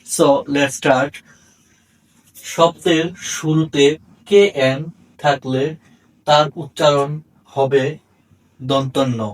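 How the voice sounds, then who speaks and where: A man's voice: on the high side, steady tone, extremely slow, pauses often, recorded from a distance, poor audio. A man with a Bangladeshi accent, a Bengali speaker, teaching English pronunciation in a short video lesson and spelling words out letter by letter.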